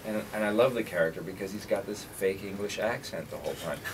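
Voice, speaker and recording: A man's voice: low-pitched, fast talker. A man being interviewed as a guest actor on the radio, chatting casually and telling stories with a joking, self-mocking manner. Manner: jokey, self-mocking storyteller. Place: radio studio. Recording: distant mic with steady background noise.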